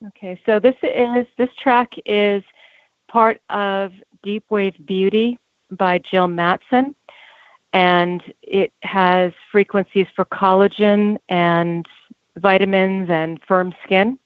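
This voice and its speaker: A woman's voice: medium pitch, fairly even intonation, takes it slowly, clean tone, no room sound. A woman presenting casually in conversation, hesitant as she goes, heard over a tinny call. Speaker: guest presenting audio programs. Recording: tinny phone-like call, dry.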